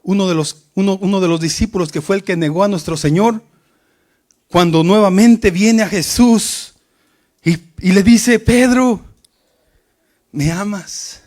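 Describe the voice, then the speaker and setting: A man's voice: sits high, normal speed, darkish tone. A man preaching a sermon to his congregation, rising and falling for emphasis and often calling out to his listeners as brothers.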